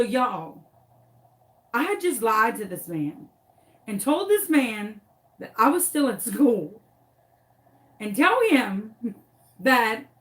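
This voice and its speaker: Animated woman telling a story. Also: on the high side. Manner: dramatic, breathless retelling with emphatic repeats. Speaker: craft vlogger.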